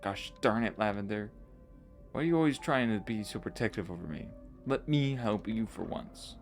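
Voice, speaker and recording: A man's voice: on the low side, animated, moderate pace, soft background music. A man doing an earnest pleading young boy. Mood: insistent.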